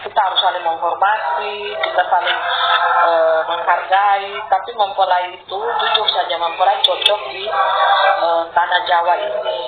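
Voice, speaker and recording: A woman's voice: on the low side, steady tone, unhurried, loud music behind the voice. Woman preacher on a tinny live stream. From Sulawesi, Indonesia. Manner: chatty, laughs often, addresses listeners directly. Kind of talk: live-streamed sermon talk.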